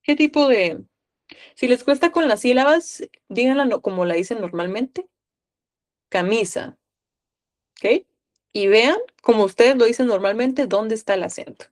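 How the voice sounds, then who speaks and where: A woman's voice: fairly high pitch, lively intonation, measured pace, pauses often, darkish tone. A woman from Guatemala with a Guatemalan accent, tutoring a live online class and coaxing students with questions.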